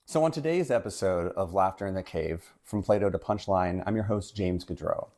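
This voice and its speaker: Pompous low-voiced male host. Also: moderate pace, a little mellow. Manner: pompous, solemn delivery. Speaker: mock podcast host. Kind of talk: deadpan mock-serious interview.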